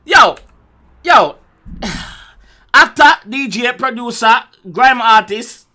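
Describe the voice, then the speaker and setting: A young man with a Jamaican accent gives an excitable reaction commentary, full of loud exclamations and swearing. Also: extremely high pitch, slow pace. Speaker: music reaction host.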